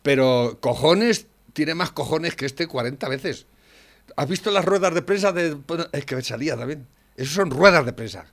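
Ranting man who swears and shouts. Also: a little high, expressive, normal speed. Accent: Spanish from Spain. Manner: blunt, swears freely, rants loudly with frequent "¿eh?". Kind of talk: casual political chat.

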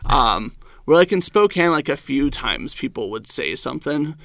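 A man's voice: medium pitch, sing-song, normal speed, gravelly, fairly bright tone, no room sound, clean studio sound. A man, a stand-up comedian and the guest, telling a story in casual chat, rambling and filling his talk with "like" and "um". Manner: rambling, heavy use of "like" and "um".

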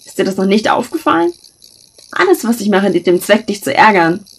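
A woman's voice: mid-range voice, sing-song, fairly quick, breathy edge. A woman doing a teasing, mischievous young woman. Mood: dry. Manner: dry, mocking banter.

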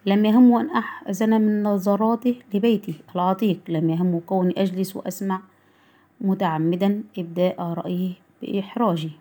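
A woman voicing an elderly grandmother who is calm, wise and perceptive, explaining in a measured, gently reproachful way. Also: mid-range voice, close to an everyday voice.

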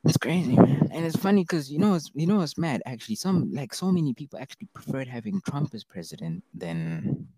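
A man's voice: a little high, very animated, a little fast, hardly any pauses, warm tone, breathy edge, poor audio. A young man in casual chat, telling things in a rambling, slangy way. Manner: slangy, rambling storytelling, frequent "bro".

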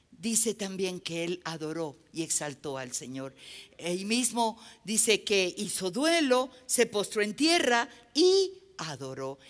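A woman preaching a sermon, emphatic and repeating phrases for effect while telling anecdotes. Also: on the high side.

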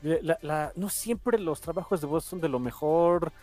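A podcast host with a Mexican Spanish accent chats casually, rambling with enthusiasm. His voice is a little high, mellow and unhurried, with soft music playing in the background.

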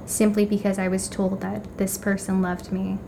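A woman podcast guest telling a personal story casually, with halting phrasing. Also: medium pitch, completely flat delivery, vocal fry, noisy background.

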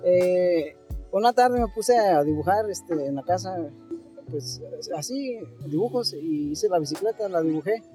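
A man from Guerrero with a Mexican accent, answering haltingly in a casual street interview. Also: high voice, lively intonation, dark tone, faint music behind. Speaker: interview guest, passerby. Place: outdoors on a street.

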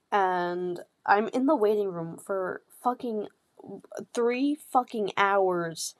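A young woman speaks at a slow, unhurried pace as she tells a personal story on her podcast. Her talk is candid and loose, heavy with swearing and fillers. Her pitch sits in an ordinary middle range for a woman. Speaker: podcast host.

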